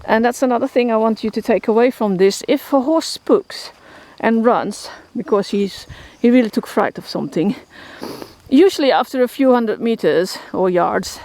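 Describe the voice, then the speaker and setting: A Dutch woman from the Netherlands who keeps a horse shelter rambles casually about her horses in a vlog walkthrough, full of fillers and restarts. Her voice is on the high side and dark in tone, at a moderate pace, with no room sound. She's outdoors in a rural field, with outdoor noise and crickets in the background.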